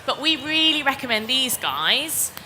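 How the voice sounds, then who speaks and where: A woman gives a chatty, step-by-step DIY demonstration on stage. Her voice is bright and a little high, and it echoes through a big exhibition hall with faint noise in the background. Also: big pitch swings, a little slow. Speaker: DIY presenter. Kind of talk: live demonstration talk. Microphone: headset or lapel mic.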